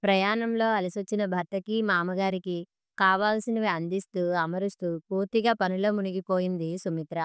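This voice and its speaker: A woman narrates a written family story in a calm, measured way. Her voice is very smooth and resonant, and the sound is dry and close, with no room echo. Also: mid-range voice.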